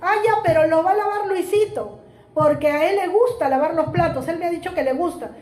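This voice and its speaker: A woman's voice: very high-pitched, fairly quick, darkish tone, pitched above the performer's own voice. A woman voicing a loving, wise old grandmother who speaks tenderly and coaxingly, in a spoken story. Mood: bossy. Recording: roomy echo.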